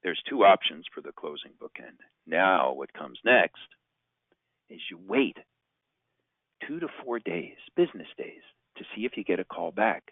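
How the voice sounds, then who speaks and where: A man's voice: low voice, expressive, unhurried, long pauses, husky, no echo. Man coaching over a phone-like line. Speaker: sales trainer. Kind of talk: instructional presentation. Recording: narrow phone-like sound, very dry.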